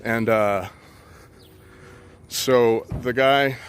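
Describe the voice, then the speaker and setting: A man's voice: medium pitch, fairly even intonation, extremely slow, a little hiss or hum. Rambling, cussing man telling a story. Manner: rambling, profane, heavy on fillers. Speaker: vlogger telling a personal story. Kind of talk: casual storytelling.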